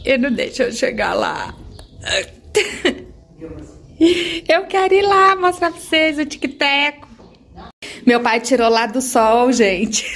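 A woman vlogger talks to her viewers in an easygoing, chatty way, often checking in with them as she goes. Her voice sits a little high, and she speaks slowly and unhurriedly. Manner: slips into high baby talk with her pet birds. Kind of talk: casual vlog chat to viewers.

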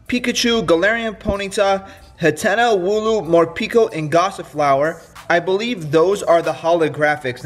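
A man in his thirties with a stuffy, nasal voice, like after a nose injury, chatting casually to viewers as host of a pack-opening vlog. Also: a little high. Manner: chatty, addresses viewers as guys, repeats phrases. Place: home kitchen indoors. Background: background music.

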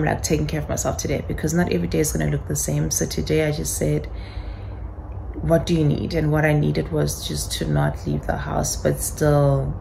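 A young adult woman vlogging casually to camera in her apartment, talking softly and wearily, soothing herself. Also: low-pitched, creaky, slight background noise, poor audio. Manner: soft, tired, self-soothing. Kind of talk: casual vlog talk to camera. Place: small apartment indoors.

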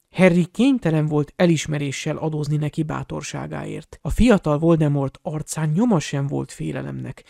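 A man narrating an audiobook in a steady, expressive storytelling voice on a close mic. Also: fairly high pitch, gravelly, dry recording. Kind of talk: audiobook reading.

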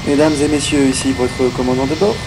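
An airline captain giving a brisk, formal plane cabin announcement. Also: medium pitch, fairly even intonation. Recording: aircraft engine and air hiss behind.

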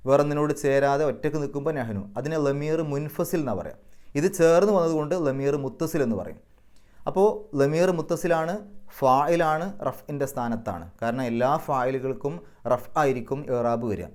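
A man's voice: mid-range voice, a little mellow, smooth. A man with a Kerala Malayalam accent giving a patient, step-by-step Quran grammar and recitation lesson. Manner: patient, explains step by step, chants verses slowly. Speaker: Quran teacher.

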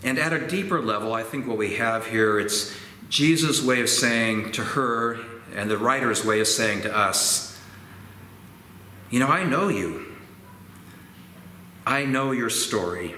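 A man in his sixties preaching a sermon slowly and gently in a church sanctuary, gesturing as he reflects. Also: medium pitch. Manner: slow, gentle and reflective, with expressive hand gestures. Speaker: pastor. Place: church sanctuary with organ pipes. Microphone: fixed camera at medium distance. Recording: roomy church echo, faint ambient noise.

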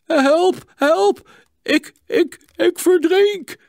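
A man reading an audiobook, voicing a frightened middle-aged village doctor who shouts in panic and then stammers his thanks. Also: high voice, moderate pace, no echo, studio quality, voice pushed up. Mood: panicked. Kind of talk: audiobook character voice.

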